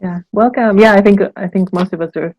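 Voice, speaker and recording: A woman hosting a workshop on a video call, friendly and a little hesitant, with frequent pauses. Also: medium pitch, darkish tone, no echo, muffled recording. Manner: friendly, hesitant with many ums. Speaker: workshop host. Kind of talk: casual video call chat.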